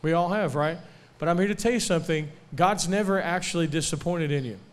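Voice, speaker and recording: A young preacher delivers a camp meeting sermon in a slightly high, smooth, resonant voice. He keeps asking for amens and questioning the crowd in call-and-response, and slows down to stress his key phrases.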